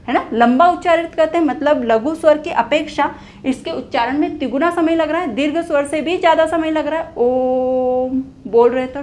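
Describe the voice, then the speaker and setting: With a little hiss or hum in the background, a young woman in a high voice walks through Hindi grammar on a whiteboard. She restates key phrases and raises questions only to answer them herself.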